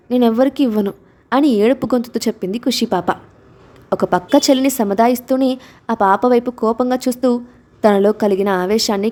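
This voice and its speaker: A woman's voice: medium pitch, a little mellow. A woman narrating a scripted novel as storyteller, reading steadily and evenly.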